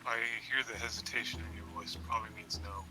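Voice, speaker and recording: A man's voice: on the low side, steady tone, quick pace, music in the background. A man in casual voice chat with a tinny sound, making dry, self-mocking quips. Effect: tinny, like talking from a tin can. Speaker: player in voice chat. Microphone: voice-chat mic.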